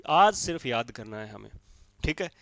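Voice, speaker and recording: Lecturing to a class, this male teacher explains things one step at a time and keeps checking in with his audience, often saying "theek hai." He speaks at a moderate pace in a mid-range voice with big pitch swings and some vocal fry, recorded with no room sound.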